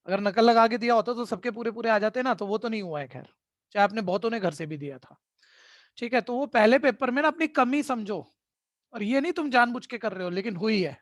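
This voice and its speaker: A man's voice: high voice, expressive, brisk, no room sound, studio quality. Stern male tutor lecturing students. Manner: keeps asking "ठीक है?" to check in. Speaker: math tutor. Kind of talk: online class lecture.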